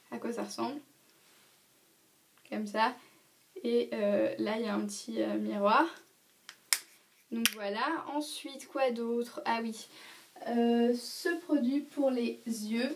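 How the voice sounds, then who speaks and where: A young woman talks through her favourite products as a beauty vlogger, pausing often with fillers and restarting her sentences. Her voice sits a little high and sounds slightly distant from the microphone. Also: steady tone, noisy background. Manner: hesitant, many fillers and restarts. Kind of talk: casual product review.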